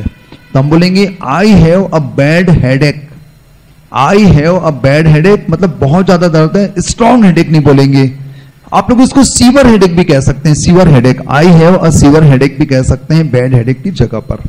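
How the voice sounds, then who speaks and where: A man teaching English in Hindi, who draws out each example sentence slowly and explains more quickly, often addressing viewers as friends. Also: a little high, animated, a little mellow, rough recording. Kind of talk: spoken English lesson in Hindi.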